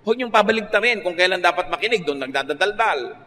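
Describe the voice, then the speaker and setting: A man's voice: sits high, fast talker. Filipino man preaching in a reverberant hall. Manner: conversational preaching, mixing Filipino and English with lively rises. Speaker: pastor. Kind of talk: radio sermon. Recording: faint noise, long reverb.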